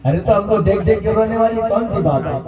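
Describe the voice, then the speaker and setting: A storyteller voicing a fussy, easily frightened portly village priest who pleads and frets. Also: male voice, sits high, lively intonation, brisk, dark tone, voice pushed up. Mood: alarmed. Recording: echoey hall, distant mic, dull.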